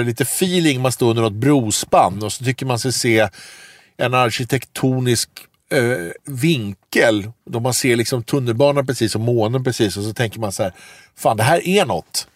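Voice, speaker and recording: A man's voice: mid-range voice, no echo, studio quality. A man co-hosting a podcast in casual chat, reading out listener ideas and teasing his co-host.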